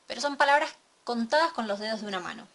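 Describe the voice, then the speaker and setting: A woman teaching a recorded lesson from slides, explaining step by step and checking in with a quick question. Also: on the high side, expressive, fairly bright tone. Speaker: English teacher.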